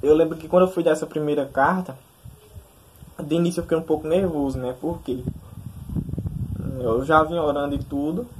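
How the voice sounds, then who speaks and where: A man's voice: a little high, brisk, long pauses, a little mellow, a little hiss or hum. Hesitant young man sharing a testimony. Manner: hesitant, searching for words, frequent tag questions. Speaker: testimony speaker. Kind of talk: casual conversational testimony.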